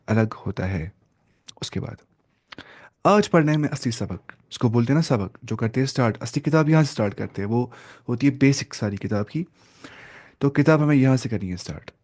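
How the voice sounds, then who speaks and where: In a classroom lecture on Arabic grammar, a man with a mid-range, darkish voice asks his students questions and answers them himself, mixing in English terms.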